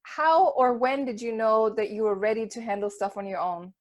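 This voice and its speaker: A woman's voice: fairly high pitch, moderate pace. A woman hosting a casual interview, asking questions and agreeing readily. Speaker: host.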